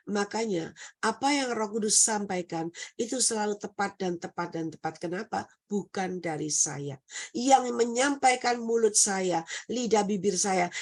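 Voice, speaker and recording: A hoarse woman preacher with a nasal voice, giving an impassioned, repetitive sermon over a video call. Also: mid-range voice. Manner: impassioned, repetitive, rising to near-shouting.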